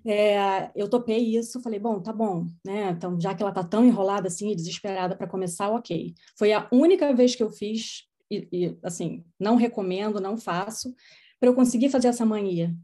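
A woman's voice: mid-range voice, a little fast. A middle-aged woman psychologist telling stories from her practice in a podcast conversation, acting out what people said. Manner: storytelling, animated quoting of others. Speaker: child psychologist.

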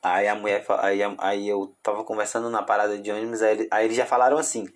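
A man's voice: lowish voice, level tone, fast talker. A man from Tocantins in Brazil, interviewing in a casual, rambling way, often restarting his sentences.

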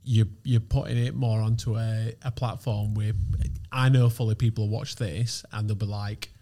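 Casting: man, thirties, relaxed podcast guest, lowish warm voice, rambly and easygoing. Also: normal speed. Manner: chatty, rambling, lots of "like" and restarts. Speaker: podcast guest, agency founder. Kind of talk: casual podcast chat.

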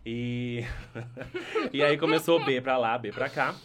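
A man's voice: medium pitch, slow pace, a bit bright. A man with a Brazilian accent hosting a podcast, talking in a playful, campy, teasing way. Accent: Brazilian Portuguese. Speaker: podcast host. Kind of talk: casual podcast chat.

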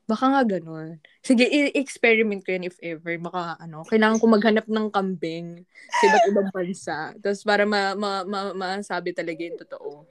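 A woman's voice: mid-range voice, sing-song, moderate pace, dry recording. A Filipino woman in casual chat, telling fun facts in a playful, giggly way. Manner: giggly, playful, mimics goat bleats. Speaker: co-host sharing fun facts.

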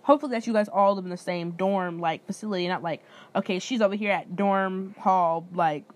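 A woman's voice: mid-range voice, fairly quick. A woman, talking loose and slangy with plenty of cursing, calling her listeners y'all. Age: 20s. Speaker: podcast host. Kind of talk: casual solo podcast chat.

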